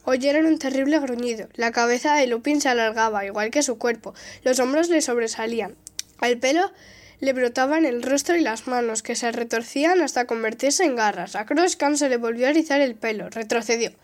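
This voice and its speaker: Brief: female reader, high voice, steady and careful storybook reading. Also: fairly quick. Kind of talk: reading a novel aloud.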